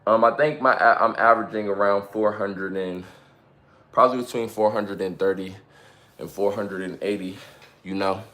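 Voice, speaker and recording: Upbeat young man with a low voice. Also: fairly even intonation, normal speed, a bit bright. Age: 20s. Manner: upbeat, hyped, slangy and motivational. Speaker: livestreamer. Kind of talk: casual live-stream chat. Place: at home during a workout.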